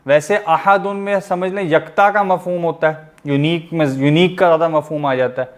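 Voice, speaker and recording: A man's voice: a little high, steady tone, normal speed. A man teaching a grammar lesson over an online class. He explains step by step, asking the class questions and then answering them himself.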